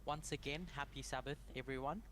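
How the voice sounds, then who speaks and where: A young man from Zimbabwe leading a prayer and a Bible study, speaking in short measured phrases with pauses for an interpreter. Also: medium pitch, fairly even intonation, a bit bright. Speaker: guest Bible study presenter.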